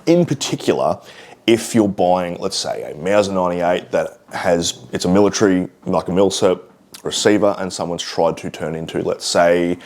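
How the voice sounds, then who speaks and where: A man with an Australian accent and a low voice, talking casually to the camera. He is blunt and sardonic and swears freely while he mocks comments and gives hunting advice. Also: moderate pace, a little mellow. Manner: blunt, sardonic and heavily profane. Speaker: host of a hunting and shooting channel. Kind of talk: casual vlog, reading comments and answering questions.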